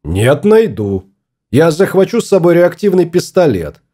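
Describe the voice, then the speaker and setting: A man's voice: on the high side, sing-song, a little slow, mellow, voice pushed up. Man reading a grumbling stubborn husband. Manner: grumbling, obstinate. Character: stubborn fussy husband, spaceship explorer.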